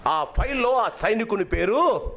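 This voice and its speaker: A male pastor giving a loud, impassioned sermon in a church, slipping in English phrases now and then. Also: high voice, animated, unhurried, vocal fry, slight background noise. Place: church hall.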